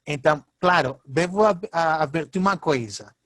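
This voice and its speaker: A male linguistics professor, lecturing through slides in a halting way, with many fillers and "ok?" checks. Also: a little high, fairly bright tone, no echo.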